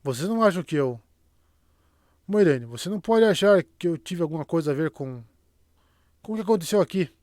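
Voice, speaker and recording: A man reading the lines of a frightened, guilt-ridden young man in a halting, worried way. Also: fairly high pitch, lively intonation, darkish tone, no echo, studio quality, voice pushed up, lightly acted. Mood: anxious.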